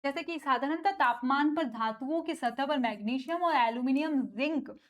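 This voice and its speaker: A woman teaching school science in a lively lecture, often asking a question and then answering it herself, with playful asides. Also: sits high. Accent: North Indian Hindi. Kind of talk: classroom lecture with call-and-response questions.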